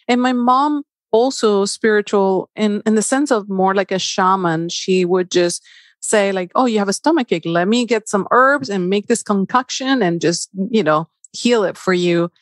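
A middle-aged woman with a Venezuelan Spanish accent, a holistic life coach speaking as a podcast guest, lively and open. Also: medium pitch, normal speed, no room sound. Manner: lively, playful, openly personal. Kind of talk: casual interview chat.

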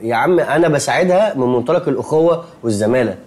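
An actor with an Egyptian accent playing a naive, gentle young man who rambles and whines in panic, in a TV sitcom. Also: medium pitch, lively intonation, fast talker, close to an everyday voice. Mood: wistful. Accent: Egyptian Arabic. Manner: rambling, then panicky and whiny. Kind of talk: TV sitcom acting.

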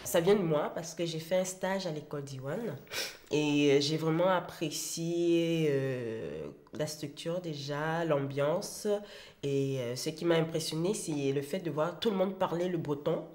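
Low-voiced hesitant woman parent. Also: measured pace, a little mellow. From Gabon. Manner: thoughtful, hesitant with fillers. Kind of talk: interview.

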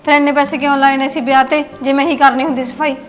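A young woman playing a bratty, sharp-tongued younger sister-in-law in a family skit. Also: sits high, little pitch movement, quick pace, big-room sound.

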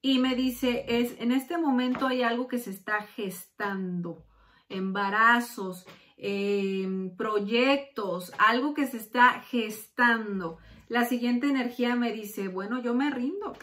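A woman gives a tarot reading in a fairly high voice. She talks warmly and casually, calls the listener "corazón", and acts out quotes with sudden leaps in pitch. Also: slow pace, a little hiss or hum. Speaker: tarot reader.

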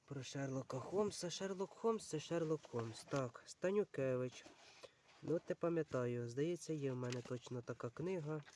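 Warm in tone, a man with a mid-range voice at normal speed browses a pile of books for his channel as slight background noise plays. His commentary is relaxed and unhurried, full of fillers and thinking aloud, and he calls his viewers friends.

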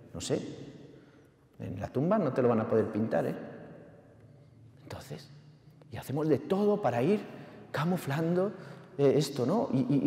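A man's voice: mid-range voice, warm tone. A man preaching a sermon, passionate and at times fervent, often asking the listener direct questions. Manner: impassioned, rising to fervent exhortation. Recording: echoey hall with long reverb.

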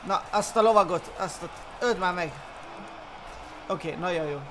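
A young man giving excited gameplay commentary, often laughing and exclaiming. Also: high voice, slight background noise. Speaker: gaming YouTuber.

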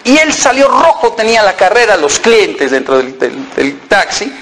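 A man in his thirties from Colombia, giving a humorous motivational talk with lively comic storytelling and acted-out dialogue. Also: sits high, normal speed, low-quality recording. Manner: animated, acts out quoted dialogue with mock voices; lively comic timing, self-mocking. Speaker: motivational speaker.

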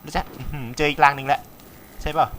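Playing a game and talking casually to viewers, this young man swears freely and has a slight cold. His voice is a little high with little pitch movement, and he talks fast. There's heavy background noise and faint game music.

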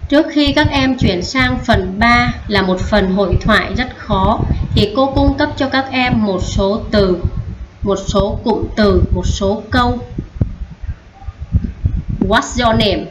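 A woman teacher who speaks slowly and repeats short English phrases before explaining them in Vietnamese. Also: on the high side, noisy background. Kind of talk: slow classroom teaching.

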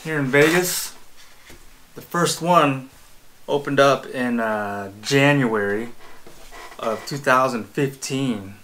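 A man's voice: mid-range voice, takes it slowly, long pauses, a bit bright, slight background noise. A man from Illinois hosting a casual eating vlog in an upbeat, chatty way. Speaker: vlogger. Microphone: external mic close to camera.

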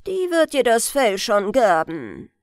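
A woman's voice: a little high, very animated, slow pace, no room sound, clean studio sound, full character voice. A woman doing a grumbling old grandfather hare. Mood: scolding. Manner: stern, loud scolding grumble.

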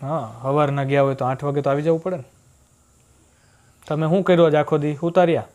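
Chatty young family vlogger. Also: male voice, fairly high pitch, little pitch movement, fairly quick, darkish tone. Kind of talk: casual vlog narration.

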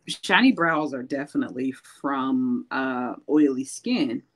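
A woman's voice: very deep voice, animated, takes it slowly, low-quality recording. A woman co-hosting a live makeup show, explaining beauty tips in a chatty way with frequent fillers. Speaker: makeup co-host with her own lash line. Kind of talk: casual makeup tutorial chat.

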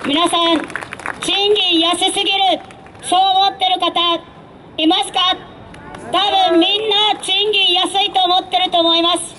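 A woman election candidate delivering an emphatic street campaign speech through a handheld microphone, in deliberate phrases with direct appeals. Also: extremely high pitch, flat delivery, pushed and bright, some chatter behind, poor audio. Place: outdoor urban street rally stage. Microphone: handheld mic over PA, filmed from a distance. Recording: faint outdoor street noise.

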